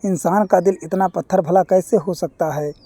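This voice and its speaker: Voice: medium pitch, steady tone, moderate pace, warm tone, slightly rough, dry recording. A storyteller voicing a pleading young village bride. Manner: pleading, distressed.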